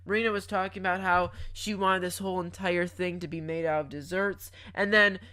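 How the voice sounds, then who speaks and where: A woman's voice: lowish voice, steady tone, fairly quick, bright, forceful tone, clean tone. A young woman narrating her gameplay as a comic story, dramatic and mock-panicked, stumbling over her words. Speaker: gaming YouTuber.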